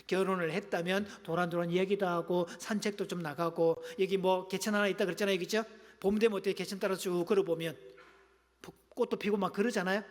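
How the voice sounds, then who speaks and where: A man's voice: high-pitched, steady tone, brisk. A middle-aged male pastor giving a humorous, engaging sermon, often calling on the congregation. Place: church sanctuary. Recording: long reverb of a church hall.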